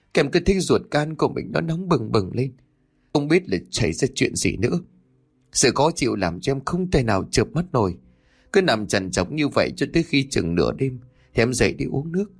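A man's voice: medium pitch, slightly rough. A man voicing a sobbing young mother. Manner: choked, stammering.

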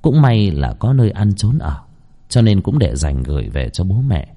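A man's voice: low-pitched, big pitch swings, normal speed, warm tone, husky. A man narrating a first-person horror story in a tense, suspenseful telling.

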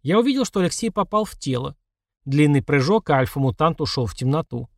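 Male audiobook narrator, first person, tense and matter-of-fact, somewhat high pitch, dry. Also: lively intonation, fast talker, no echo.

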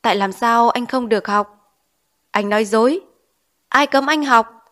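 A woman's voice: fairly high pitch, normal speed, fairly bright tone, close to an everyday voice. A woman voicing a stern male village schoolteacher in an audiobook, scolding with pointed questions. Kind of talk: audiobook character reading.

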